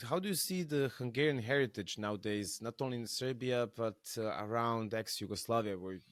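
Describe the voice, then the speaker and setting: Casting: male podcast host, mid pitch, dry close sound, chatty anecdotes with fillers. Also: brisk, no room sound. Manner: hesitant, frequent fillers and laughs. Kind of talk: casual interview chat, storytelling.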